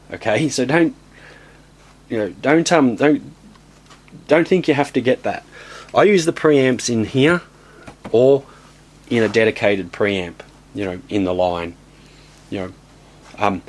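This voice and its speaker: Rambling low-voiced man in a home studio. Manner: rambling, frequent ums and restarts, blunt and offhand. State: voice going hoarse. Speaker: home studio tutorial host. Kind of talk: casual equipment walkthrough.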